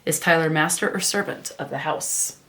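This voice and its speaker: A woman with a slightly low voice hosts a casual book vlog. She chats to the camera and reads back-cover blurbs aloud, now and then stumbling and correcting herself. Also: steady tone, moderate pace, sharp tone. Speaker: book vlogger.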